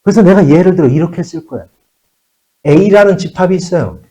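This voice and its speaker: A man teaching high school math in a classroom, repeating key phrases and checking in with the students again and again. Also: moderate pace, warm tone, rough recording. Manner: switches between polite and casual speech. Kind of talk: classroom lecture.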